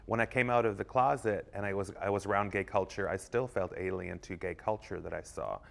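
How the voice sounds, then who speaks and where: A man in a documentary interview speaks haltingly, restarting his sentences as he thinks. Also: low voice, fairly even intonation, gravelly, fairly bright tone.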